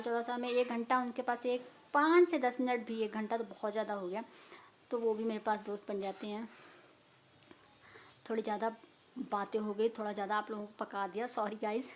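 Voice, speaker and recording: A woman's voice: a little high, slight background noise. A woman tutor talking casually to viewers while reviewing a medical book, chatty and teacherly, recorded on a phone at home. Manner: chatty, teacherly, laughs and apologizes often.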